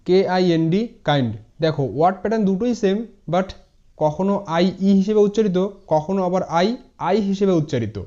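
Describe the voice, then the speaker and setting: Speaking informally to his viewers in Bengali mixed with English words, a high-pitched man with a warm tone runs a spoken pronunciation tutorial. Every word gets spelled letter by letter and said again, though the recording itself is dull and lo-fi.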